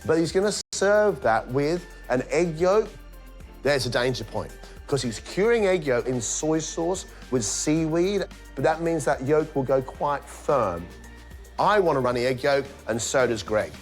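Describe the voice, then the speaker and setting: A man's voice: fairly high pitch, animated, soft background music. Man judging food in commentary. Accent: British. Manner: measured, emphatic food commentary. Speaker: judge on a cooking competition. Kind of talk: voice-over commentary on dishes.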